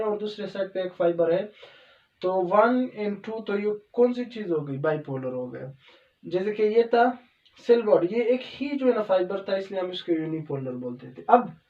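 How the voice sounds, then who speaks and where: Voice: mid-range voice, dark tone. A biology teacher giving a step-by-step lecture, pointing at a diagram, asking rhetorical questions and then answering them. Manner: asks rhetorical questions and answers them, repeats "okay" often. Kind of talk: explanatory video lecture. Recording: dull, roomy sound from a distance from the mic.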